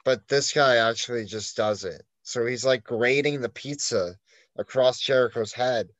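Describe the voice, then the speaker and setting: A man's voice: mid-range voice, moderate pace, dry recording. Rambling man with constant fillers. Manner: rambling storyteller, heavy "like" fillers and swearing. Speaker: podcast co-host. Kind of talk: casual podcast chat.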